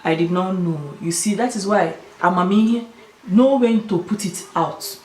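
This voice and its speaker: A woman's voice: mid-range voice, measured pace, darkish tone. A woman with a Nigerian Igbo accent talking casually and emphatically to her viewers, giving her opinions. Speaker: video host. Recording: roomy, echoing sound.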